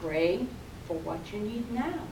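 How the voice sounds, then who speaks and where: A calm, assured inner voice speaks slowly and steadily, as a woman preacher gives it voice. It is heard from a distance in an echoey room. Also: medium pitch, a little hiss or hum.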